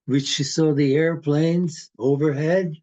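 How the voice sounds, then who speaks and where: A man in his eighties from Hungary, talking in a slow, rambling, philosophical way in casual conversation. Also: on the high side, fairly even intonation, darkish tone, low-quality recording. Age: 80s.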